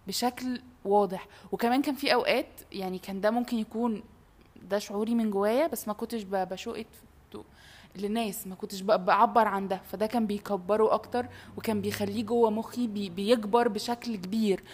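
A woman's voice: mid-range voice, steady tone, fast talker, a little mellow. A young woman with an Egyptian Arabic accent, chatting casually and reflectively. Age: young adult. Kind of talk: casual reflective group chat.

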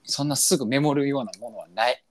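A man with a Kansai accent co-hosting a casual podcast, teasing his partner during a word game and laughing readily. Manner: teasing, quick laugh, jumps high in pitch. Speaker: podcast co-host.

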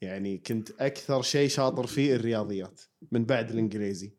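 Quick-talking man. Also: on the low side. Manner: quick, animated storytelling, joking. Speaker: podcast co-host. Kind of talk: casual chat.

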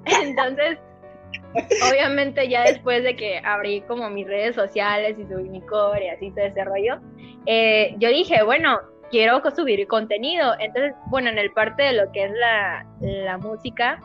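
A young Mexican woman, a singer and dubber appearing as a podcast guest, chats casually in a Mexican Spanish accent with a medium-pitched voice at a measured pace. She's animated and expressive, acting out quotes, over dull lo-fi sound with faint music.

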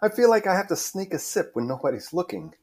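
A man's voice: sits high, lively intonation, fast, gravelly, darkish tone, pitched above the performer's own voice. A man doing a chirpy young woman with a Midwest twang. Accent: Midwestern American, put on. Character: playful young woman hired protester.

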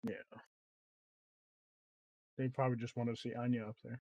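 A man's voice: medium pitch, little pitch movement, moderate pace, a little mellow, dry recording, low-quality recording. A man co-hosting a podcast, chatting casually and correcting himself as he goes. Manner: rambling, self-correcting. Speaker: podcast co-host. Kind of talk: casual chat.

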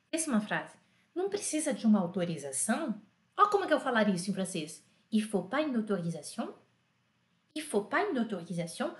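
A woman teaching French in an enthusiastic, chatty online lesson, repeating phrases slowly for learners to copy. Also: fairly high pitch, reverberant.

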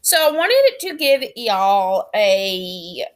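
Young Southern US woman, podcast co-host, chatty and rambling with self-deprecating asides, mid-pitch voice. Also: very animated, drawn-out words. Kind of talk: solo podcast intro, casual chat.

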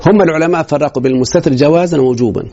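Firing off rhetorical questions at his students, this Egyptian Arabic-accented teacher runs a classroom grammar lesson at a very fast clip. His voice is fairly high in pitch yet dark in tone, and the lo-fi recording sounds dull.

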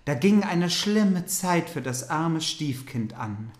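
An echoey podcast host reads a fairy tale for comedy and chats, playing mock-naive with innocent questions and feigned confusion. The voice is medium-pitched, expressive and slow.

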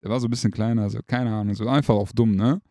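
Fast-talking young man telling stories. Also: fairly low pitch, fairly even intonation, warm tone, no echo, studio quality. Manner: fast slangy storytelling, acts out quotes. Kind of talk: casual chat, storytelling.

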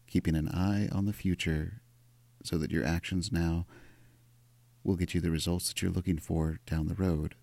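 A vlogger chats playfully and self-mockingly to the camera in a sleepy, just-woken-up voice. His voice sits low with vocal fry and a warm tone, and the recording is dry.

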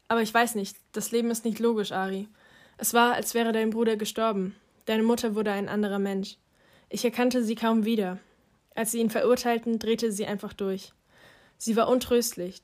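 A woman's voice: on the high side, steady tone, normal speed, a little mellow, close to an everyday voice. A woman reading as a grave, weary father. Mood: somber.

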